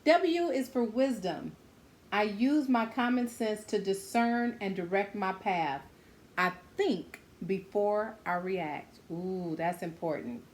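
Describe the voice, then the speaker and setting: A woman hosts children's story time, reading a picture book aloud with encouraging asides. Her mid-pitched voice speaks simply and directly to the kids, with some background noise.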